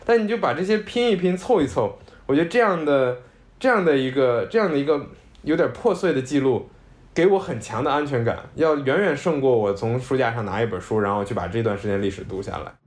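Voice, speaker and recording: A man's voice: mid-range voice, expressive, fairly quick. Reflective man telling a story. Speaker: podcast co-host. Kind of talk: casual chat.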